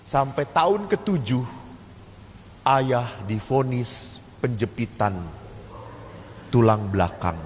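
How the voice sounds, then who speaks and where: Javanese priest preaching in an echoey hall. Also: male voice, mid-range voice, lively intonation, slow pace, pauses often. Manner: storytelling with acted family dialogue, humorous asides. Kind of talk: sermon-style seminar talk. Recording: echoey hall, faint ambient noise.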